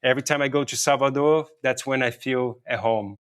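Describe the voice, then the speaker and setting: Brisk and steady, with a clean mid-range voice, a middle-aged man from Brazil answers an interviewer's questions. He is a native Portuguese speaker with a Brazilian accent and a technology and payments executive. His style is conversational and explanatory, peppered with "you know" and "right."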